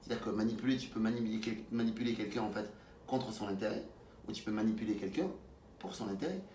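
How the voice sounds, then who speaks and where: A lower-voiced man with a lisp gives a conversational interview, recorded at a distance in an echoey space. He stumbles and restarts words as he explains himself. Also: fast, a little mellow. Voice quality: lisp, slurred s. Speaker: interview guest, sales coach. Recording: roomy echo, distant mic, faint noise.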